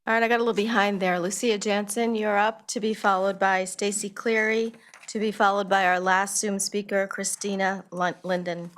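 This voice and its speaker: A woman running public comment at a meeting, calling the next speakers in a brisk, informal way with many fillers. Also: medium pitch, flat delivery, a bit bright. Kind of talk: procedural meeting announcements.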